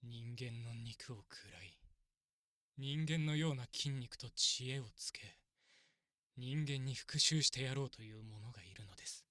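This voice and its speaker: Elf priest, played by a man: courteous, possessive, quietly menacing ASMR role-play. Husky, very dry recording. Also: medium pitch, normal speed, pauses often, no room sound, close to an everyday voice. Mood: grave, menacing. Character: soft-spoken polite elf priest, obsessive, quietly menacing yandere.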